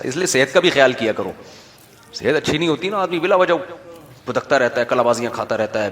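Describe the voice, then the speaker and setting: A man's voice: medium pitch, a bit bright. A man, preaching and telling funny stories to an audience in a hall, chatty and speaking straight to his listeners. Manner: chatty, jokey, addresses listeners directly. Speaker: Islamic preacher. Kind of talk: humorous sermon storytelling. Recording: long hall reverb.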